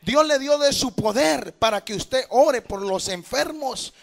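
A man preaching a fervent sermon to his congregation in a church, swinging from quiet asides to shouts. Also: extremely high pitch, lively intonation, a little slow, creaky. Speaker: pastor.

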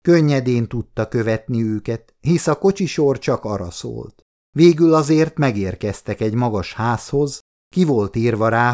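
A man reading a novel aloud as an audiobook narrator, steady and measured. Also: mid-range voice. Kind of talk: scripted narration.

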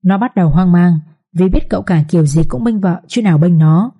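Husky-voiced woman narrating a story. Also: lowish voice, a little fast, muffled recording.

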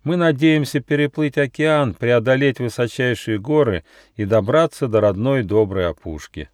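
Guy doing a little gnome, polite and earnest, soft-spoken, dry close mic. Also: medium pitch, normal speed, no room sound, voice pushed up, close to an everyday voice. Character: small polite male gnome, earnest and gentle.

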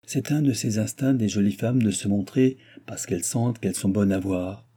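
A man narrating a classic novel as an audiobook, with a measured, even reading. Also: fairly low pitch, breathy edge. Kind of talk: scripted narration.

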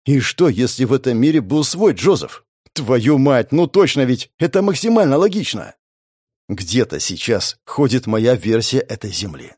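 A man narrating a first-person audiobook in a gritty, sardonic way, cursing often and dropping into low mutters. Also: expressive, moderate pace, a little mellow, breathy edge, no room sound, studio quality.

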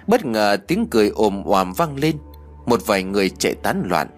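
A man narrating a ghost story in a dramatic, expressive way. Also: fairly low pitch, normal speed. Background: faint music.

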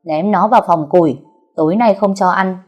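Casting: a woman playing a shrill, bossy, cruel concubine in a storybook reading. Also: moderate pace, a little mellow, soft background music, close to an everyday voice. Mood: spiteful. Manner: shrill, scolding, threatening. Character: spiteful, domineering middle-aged concubine.

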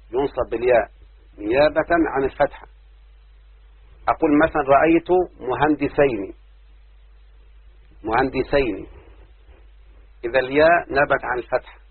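A man lectures on grammar, going through each rule patiently and repeating the main points. His voice has a husky edge, and the recording is dry and narrow, like it came over a phone line. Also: medium pitch, dry recording. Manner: explains step by step, repeats key rules and quoted examples. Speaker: grammar teacher. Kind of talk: classroom lecture.

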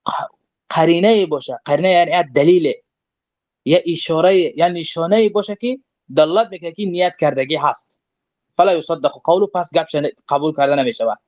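A man's voice: fairly high pitch, darkish tone, no room sound. A male religious teacher speaks in a slightly raised voice, reading brief Arabic lines and then unpacking them in plain everyday talk. The recording is close and dry, with a dull, lo-fi sound. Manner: reads short Arabic passages, then explains them conversationally with examples. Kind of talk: explaining a legal text line by line.

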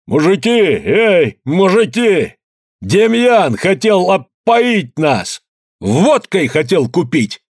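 Man reading as furious peasant, high lively voice, dry. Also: takes it slowly, breathy edge, dry recording, full character voice. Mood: indignant. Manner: shouting, indignant. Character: angry poor male peasant shouting.

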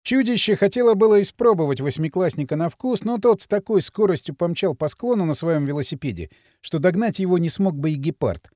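A man narrating an audiobook with an expressive, dramatic reading. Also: high voice, brisk, hardly any pauses, dry recording, clean studio sound. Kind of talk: scripted narration.

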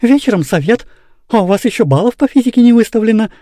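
A woman reading aloud voices a strict, dry class mistress who talks in a brisk, fussy way. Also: fairly high pitch, animated, dark tone, no echo, pitched above the performer's own voice, lightly acted.

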